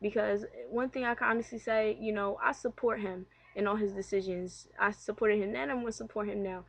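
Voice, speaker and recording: A woman's voice: medium pitch, steady tone, brisk, creaky. A young woman vlogging a casual, personal rant in a candid, conversational, slangy way, swearing freely. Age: young adult.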